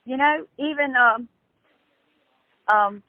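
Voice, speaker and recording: Woman on a recorded prison phone call, high voice, thin tinny line, dry close sound. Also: slow pace, dry recording. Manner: chatty, repeats herself with small stammers. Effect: heard over a prison phone line. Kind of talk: casual phone chat.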